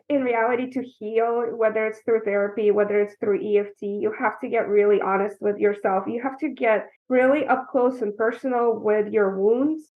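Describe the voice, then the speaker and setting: A woman who works as a coach and therapist, explaining things earnestly as a guest in an interview. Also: on the high side. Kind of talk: interview conversation. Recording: tinny phone-like line.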